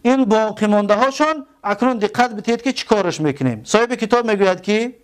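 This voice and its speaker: A man with a Tajik accent teaches a grammar lesson in a noticeably high voice. He goes over key terms slowly, saying them more than once. He keeps asking his students rhetorical questions to hold their attention. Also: expressive, clear, resonant tone. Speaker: religious school teacher.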